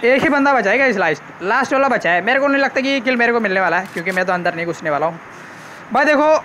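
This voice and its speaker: A man commentates his gameplay live. His voice sits high and bright. He is excitable and keeps up joking, casually crude banter. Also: fast, a little hiss or hum. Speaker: gaming YouTuber.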